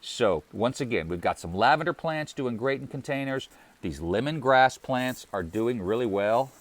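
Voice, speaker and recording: A man's voice: medium pitch, normal speed. A man hosting a gardening channel, walking through his outdoor deck plants in an easygoing, plainspoken way with casual fillers. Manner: relaxed, friendly, plainspoken with fillers. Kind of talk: casual garden tour walkthrough.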